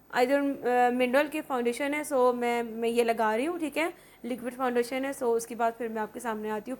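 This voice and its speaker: A woman hosting a casual makeup tutorial, chatty and often checking in with "okay". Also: on the high side. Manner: chatty, repeats "theek hai" often. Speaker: makeup vlogger.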